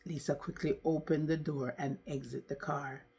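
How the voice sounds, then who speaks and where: A woman narrating a storytime tale in a slow, deliberate way, with asides to the listener. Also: low voice, flat delivery, creaky, warm tone, breathy edge.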